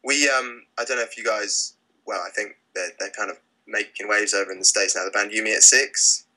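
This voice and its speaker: British man, young adult, low voice, very bright tone, hesitant, filler-heavy casual talk. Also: brisk, low-quality recording. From Britain. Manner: relaxed, hesitant, lots of fillers and restarts. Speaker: lead singer of a rock band. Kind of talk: casual interview.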